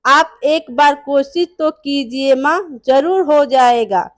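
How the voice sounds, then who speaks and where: A woman's voice: high-pitched, slow pace, dry recording, studio quality. A woman voicing a sly young daughter-in-law who pleads sweetly and mocks her mother-in-law in a storybook tale.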